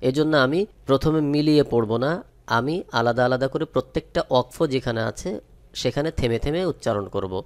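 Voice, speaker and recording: A man teaching Quran recitation, spelling out each letter and vowel and then chanting the words slowly and drawn out. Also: mid-range voice. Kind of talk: step-by-step recitation lesson.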